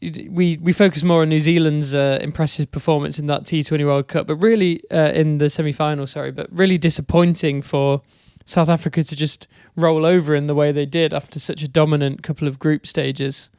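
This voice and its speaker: Young male podcast co-host, smooth resonant voice, dry sound, hesitant casual cricket chat. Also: a little high, fairly even intonation, brisk, hardly any pauses, darkish tone, no room sound. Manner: thoughtful, hesitant with fillers.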